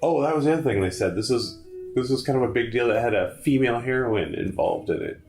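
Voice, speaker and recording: A man's voice: mid-range voice, animated, fast, darkish tone, faint music behind. A man co-hosting a let's play, giving rambling, self-correcting game trivia in casual chat.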